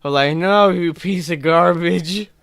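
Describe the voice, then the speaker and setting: Speaking slowly in a high, gravelly yet clean-toned voice, a male podcast host chats and rants comically about films, swearing in animated exasperation. The sound is studio quality, free of echo.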